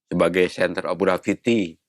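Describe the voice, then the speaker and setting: A man's voice: sits low, level tone, moderate pace, dry recording, studio quality. A man in his sixties, a retired navy admiral, explaining patiently in a casual interview and posing rhetorical questions. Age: 60s.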